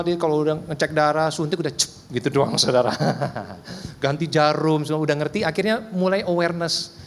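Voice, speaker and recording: A man with a high voice preaches a sermon in a large church hall whose long reverb trails after every phrase. He tells an emotional personal story and keeps turning to the congregation to address them directly. English phrases slip into his talk here and there. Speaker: pastor.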